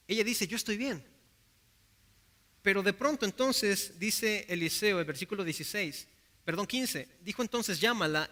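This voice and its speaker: A man's voice: sits high, sharp tone. A man with a Mexican Spanish accent preaching a sermon in an earnest way, acting out the people in his Bible stories.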